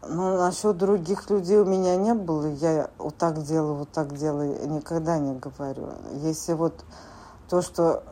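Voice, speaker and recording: A woman in her forties sharing at a recovery group meeting, speaking haltingly with many filler words. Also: low-pitched, fairly even intonation, mellow. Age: 40s. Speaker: support group member.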